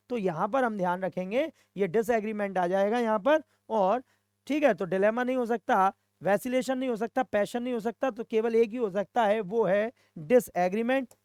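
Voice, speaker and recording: A teacher giving a recorded vocabulary lesson, switching between two languages, posing questions and answering them, and checking in often with a quick "okay". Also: medium pitch, a little mellow, dry recording, studio quality. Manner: mixes Hindi and English, asks and answers own questions; repeats "okay" to check in with students. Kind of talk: recorded exam-prep lesson.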